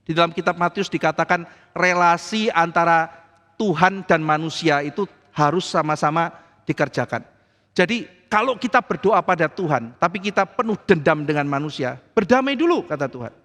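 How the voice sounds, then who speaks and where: A man's voice: on the high side, moderate pace, sharp tone, big-room sound. A man preaching a sermon as pastor in a church, chatty and acting out the voices he quotes. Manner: conversational, acts out quoted voices. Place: church hall.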